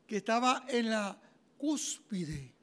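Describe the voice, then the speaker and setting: A man, preaching a homily as a deacon and telling his own story in an animated way, acting out the dialogue. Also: high voice, slow. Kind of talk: sermon with personal testimony.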